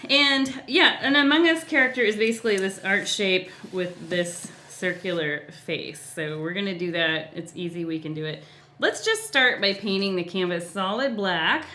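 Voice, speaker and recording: A middle-aged woman with a bright, forward voice leads a live painting class. She explains each step plainly and cheerfully and laughs easily. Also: medium pitch, expressive, moderate pace. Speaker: painting instructor. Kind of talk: live painting tutorial, casual chat.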